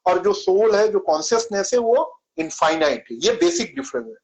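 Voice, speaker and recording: A man's voice: sits high, lively intonation, moderate pace, darkish tone, low-quality recording. A man answering questions on a video call, patiently explaining Sanskrit pronunciation and demonstrating sounds by repeating syllables. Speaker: Sanskrit and yoga teacher.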